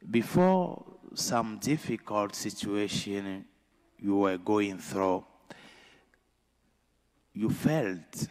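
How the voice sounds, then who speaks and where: Slow, low-voiced priest in a reverberant church. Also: male voice. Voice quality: slow, deliberate delivery with pauses. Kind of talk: gospel reading and homily. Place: large church.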